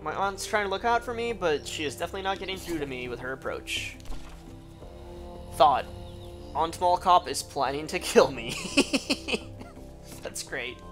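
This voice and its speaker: A man's voice: on the high side, lively intonation, normal speed, a bit bright, soft background music. Joking, swearing game streamer guy. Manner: joking, rambling, profane asides. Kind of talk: casual gaming stream chat.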